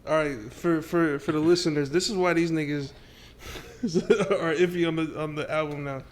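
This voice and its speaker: A man's voice: on the high side, steady tone, moderate pace, a little hiss or hum. A man co-hosting a casual podcast chat, laid-back and slangy, often trailing off. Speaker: podcast co-host.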